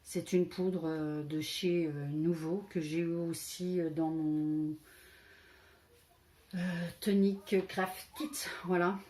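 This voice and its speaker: Slow, low-voiced hesitant woman. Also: steady tone, dark tone. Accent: French regional accent. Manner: hesitant, many fillers, loses track. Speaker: crafting vlogger. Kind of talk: casual craft show-and-tell.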